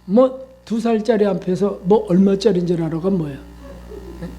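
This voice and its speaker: A man's voice: high-pitched, moderate pace, mellow, soft background music. Conversational Korean male pastor preaching. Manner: conversational, asks the congregation questions; acts out quoted voices. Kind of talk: sermon.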